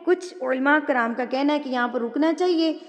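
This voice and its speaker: A woman teaching an online Quran recitation lesson, explaining patiently step by step and drawing out words slowly when she recites. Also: sits high, in a large hall. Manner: slow drawn-out recitation of Arabic words.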